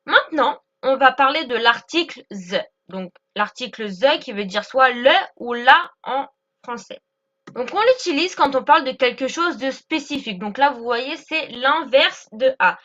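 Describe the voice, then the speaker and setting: Woman teacher, high bright voice, patient step-by-step grammar lesson, slows for examples, muffled lo-fi sound. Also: expressive. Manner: patient, repeats examples slowly, checks with "d'accord?". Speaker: English teacher. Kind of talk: explaining English grammar lesson.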